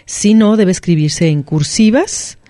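Un hombre con acento mexicano que conduce un programa de radio, asiente a menudo y resume lo que dice su invitado. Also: male voice, high voice, a little slow, warm tone, no room sound. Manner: affirming, interjecting. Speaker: radio host. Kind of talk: hosting a radio segment. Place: radio booth. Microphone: studio microphone.

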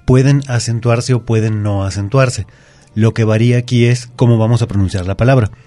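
A man's voice: mid-range voice, fairly even intonation, a little fast, warm tone, no echo, faint music behind. A man, a grammar teacher patiently explaining spelling rules as a guest in a radio studio. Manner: patient, methodical, repeats examples.

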